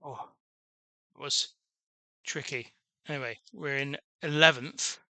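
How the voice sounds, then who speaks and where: Slow and sharp-toned, this medium-pitched male voice keeps a fairly even intonation over a dry recording with no room sound. He's a channel host giving casual let's-play commentary, rambling with lots of restarts and fillers while describing his own voice as dull.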